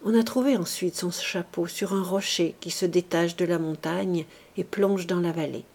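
A woman giving an expressive, dramatic audiobook reading of a classic novel, with music behind. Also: on the low side, normal speed. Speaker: audiobook reader.

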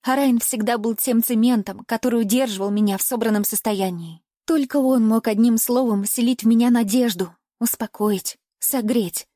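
A woman's voice: fairly high pitch, moderate pace, few pauses, warm tone, no echo. A woman narrating a first-person audiobook in an emotive storytelling manner, close to the mic.

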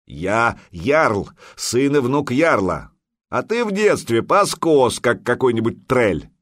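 A man's voice: mid-range voice, big pitch swings, slow pace, no room sound, clean studio sound, full character voice. A man voicing a proud, hot-tempered Viking jarl who roars his commands. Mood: commanding. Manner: roaring, forceful commands.

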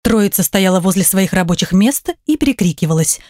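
A woman narrating an audiobook in an even storytelling voice. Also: mid-range voice, a little fast, no echo, studio quality. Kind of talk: scripted narration.

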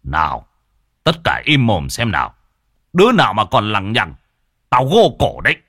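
A man's voice: lowish voice, wildly swooping pitch, moderate pace, pushed and bright, husky, no echo, studio quality, heavily acted. A man voicing a stern village elder who barks orders at a crowd. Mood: commanding. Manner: barking orders.

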